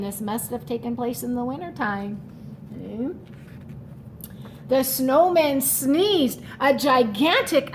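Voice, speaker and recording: A woman teacher runs a read-aloud session for kids, speaking slowly and instructionally and repeating key words. Her voice sits high, and there's a faint hiss or hum in the recording.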